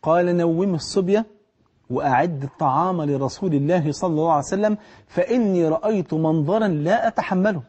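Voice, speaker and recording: A man's voice: on the high side, fairly quick, slightly rough, dull audio. A middle-aged man with an Egyptian accent preaching a storytelling sermon, acting out the people in his story. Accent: Egyptian Arabic. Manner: animated, acts out the people in the story.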